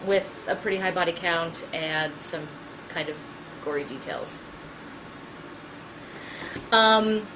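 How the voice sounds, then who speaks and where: Chatty author in her thirties, casual to-camera talk, high-ish and bright, wry asides. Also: a little hiss or hum, rough recording. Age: 30s.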